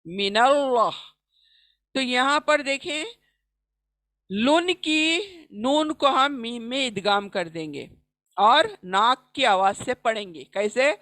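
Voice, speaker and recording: A woman teaching recitation in an online class, explaining each rule and then reciting the example slowly. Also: on the high side, a bit bright, no room sound. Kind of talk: recorded online lesson.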